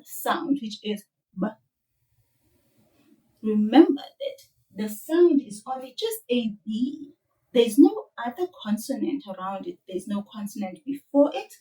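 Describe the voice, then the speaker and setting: A South African woman teaches a children's language lesson in a slow, gentle, explaining way. Her voice sits a little high and she takes her time over every word. She sounds set back from the mic, with faint music in the background. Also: far from the mic, low-quality recording.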